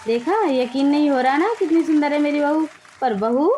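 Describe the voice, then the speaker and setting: A woman's voice: sits high, normal speed, dark tone, slight background noise, natural voice. A woman voicing a proud, fussy older mother-in-law in a cartoon story, boasting and wailing theatrically. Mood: boastful. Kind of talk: Hindi cartoon dubbing.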